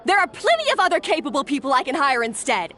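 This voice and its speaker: A woman's voice: sits high, very animated, fast, a bit bright. A woman playing a haughty, domineering female head chef in a video game, snapping out commands. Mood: haughty, defiant. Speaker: game voice actor. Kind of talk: animated game voice acting.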